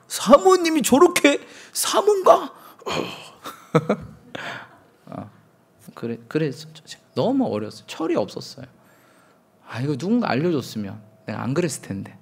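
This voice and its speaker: A man's voice: mid-range voice, vocal fry, darkish tone, husky. A man in his thirties, a pastor preaching a sermon, telling candid self-mocking stories and acting out quotes.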